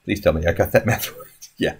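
A man in his fifties speaks in a low voice with a husky edge, musing and rambling as he answers viewer questions. He talks from an indoor room into a webcam, with fillers and restarts breaking up his sentences. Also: a little fast. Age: 50s. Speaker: live stream host answering chat questions. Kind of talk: casual live stream talk. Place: indoor room in front of a wooden wall.

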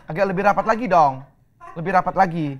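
A woman's voice: fairly low pitch, fast talker, dull audio. A middle-aged woman co-hosting in casual banter, reading viewer comments with a playful, giggly manner. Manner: playful, giggly, mock-scared. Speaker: co-host.

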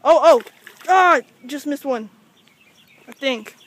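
A man's voice: extremely high pitch, lively intonation, slow pace, fairly bright tone. A teenage boy from Georgia hosting a casual fishing vlog outdoors by a pond, chatty and joking. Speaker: vlog host.

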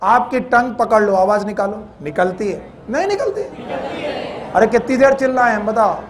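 Very high-voiced male biology teacher. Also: moderate pace, background noise. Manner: quizzes the class, scolds and jokes; mixes English terms into Hindi. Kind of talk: classroom lecture. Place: classroom with students.

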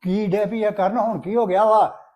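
A gruff older grandfather in a homemade family drama, tossing off curt, dismissive remarks, played by a man. His voice sits high for a man. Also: fairly even intonation, normal speed, a little mellow, lightly acted. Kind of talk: amateur family web drama.

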